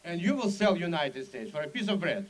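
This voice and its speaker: A Russian-accented man originally from the USSR addresses an audience in imperfect English, narrating his experiences with lively drama and pointed asides. He talks a little fast in a voice on the high side, and the recording is low in quality.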